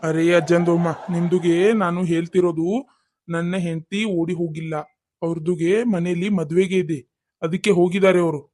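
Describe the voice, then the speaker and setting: A meek shopkeeper, played by a man who pleads and apologizes in broken Kannada for a cartoon comedy. His voice is high but flat and mellow, barely rising or falling. The recording is dry and close. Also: normal speed, dry recording, a faint crowd, close to an everyday voice. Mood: pleading.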